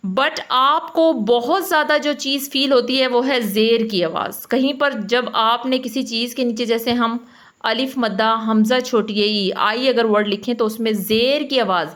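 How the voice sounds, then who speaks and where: A woman teaching phonics to other teachers, slowly explaining and repeating each letter sound aloud. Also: a little high, a bit bright.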